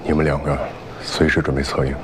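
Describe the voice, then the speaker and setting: Terse, very deep-voiced commander. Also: male voice, flat delivery, quick pace. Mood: commanding. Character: terse, commanding man giving covert operation orders. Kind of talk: television drama acting. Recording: loud background noise.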